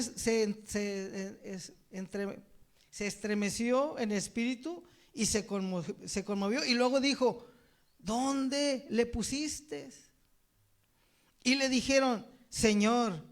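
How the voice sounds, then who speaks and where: Very high-pitched man preaching a sermon. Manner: reads scripture aloud, then asks the congregation rhetorical questions; addresses listeners as brother, with many filler "right?" tags.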